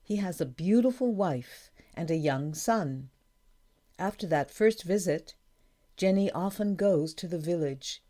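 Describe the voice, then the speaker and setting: A woman reading a storybook for learners aloud, slowly and carefully, announcing each page. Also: on the low side, expressive, mellow. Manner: slow, careful, clear reading. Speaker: audiobook narrator. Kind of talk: scripted narration of a graded reader.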